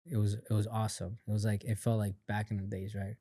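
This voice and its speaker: Speaking fast and in a flat manner, this podcast guest, a company founder, recounts a family story during an interview. His voice is low and mellow, his storytelling casual and loose, and he leans on fillers while voicing what others said. The sound is dry and close-miked, with no room ring or echo.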